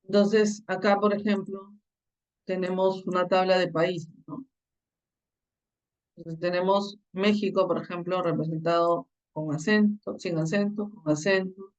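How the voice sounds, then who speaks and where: A course instructor giving a recorded lecture on the slides, explaining step by step and often checking in with a quick tag question. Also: mid-range voice, level tone, recorded from a distance, dull audio.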